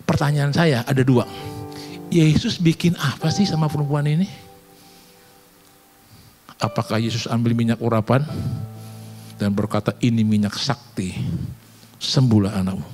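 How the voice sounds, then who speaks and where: Emphatic preacher over soft music. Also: male voice, medium pitch, moderate pace, pauses often. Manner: swings from quiet to loud, emphatic calls; acts out quotes in slangy banter. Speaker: pastor. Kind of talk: sermon. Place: church hall.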